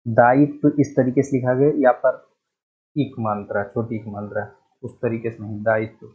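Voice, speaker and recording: A man leads a grammar lesson in a husky voice. He moves through each word with care and says the correct form again. The sound is narrow and muffled, like a phone line. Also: medium pitch, flat delivery. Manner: explains deliberately, repeating the correct word. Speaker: Hindi teacher. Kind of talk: exam-prep grammar lesson.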